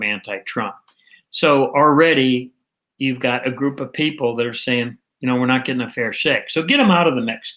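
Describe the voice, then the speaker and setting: A man's voice: a little high, a bit bright, lo-fi sound. Rambling male political commentator. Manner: rambling, digressive, lots of fillers. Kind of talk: casual opinion commentary.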